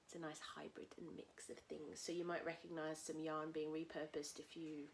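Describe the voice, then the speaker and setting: Recording at home in her small house, an Englishwoman hosts a laid-back knitting podcast, her chatter loose and packed with fillers. Her voice is low, husky, and slightly croaky from a cold, delivered flatly at normal speed, with cockatoos and faint noise audible outside.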